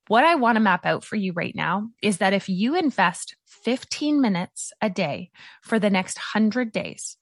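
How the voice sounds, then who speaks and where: A woman giving upbeat, tidy motivational advice like a coach on a vlog, with deliberate, emphatic phrasing and an encouraging step-by-step delivery. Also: mid-range voice, no room sound, clean studio sound.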